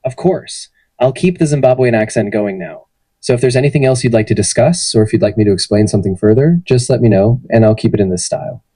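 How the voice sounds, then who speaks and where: A synthetic male AI assistant with a fairly low, slightly rough voice talks fast, responding to interview questions conversationally with a friendly, even, polished delivery. The recording is dry.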